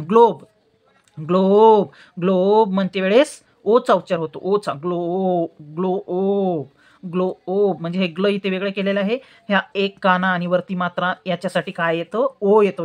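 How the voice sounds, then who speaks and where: A woman with a Marathi accent teaching a spelling lesson, slowly repeating words syllable by syllable. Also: on the low side.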